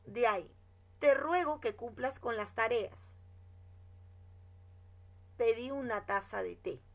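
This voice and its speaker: A woman teaching a grammar lesson, her fairly high voice carrying a gravelly, creaky texture. She lays out each rule at an unhurried pace and reads example sentences aloud, often tagging a questioning "right?" to keep her class with her. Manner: explains slowly, checks with "¿no?" and "¿de acuerdo?".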